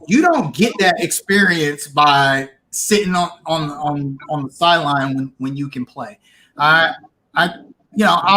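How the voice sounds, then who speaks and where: Bright-voiced man in animated sports talk. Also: fairly high pitch, slight background noise. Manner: animated, opinionated, frequent restarts. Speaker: podcast co-host. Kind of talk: casual sports chat.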